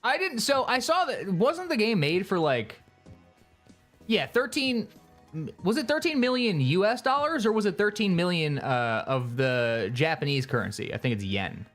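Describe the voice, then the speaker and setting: A live streamer giving rambling, chatty gameplay commentary while talking to chat, with excitable bursts. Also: mid-range voice, normal speed, soft background music.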